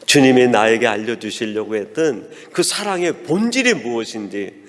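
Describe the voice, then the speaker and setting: A pastor delivers a sermon from the pulpit, narrating a story and voicing the quoted exchanges more softly. His voice sits at an ordinary male pitch. The sound carries the long reverb of a church sanctuary. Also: vocal fry. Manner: storytelling, acting out quoted dialogue in a softer voice.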